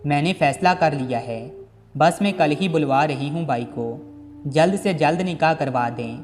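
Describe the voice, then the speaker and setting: A man voicing a harsh, scheming aunt in a storybook reading, with a shrill, domineering manner. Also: normal speed, natural voice. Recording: long reverb with background music.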